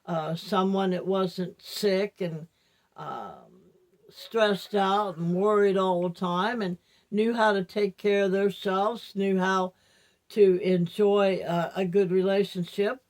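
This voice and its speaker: Slow-talking older woman, toothless speech. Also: mid-range voice, a little mellow. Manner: rambling, reflective, halting. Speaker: vlogger. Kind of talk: casual personal monologue to viewers.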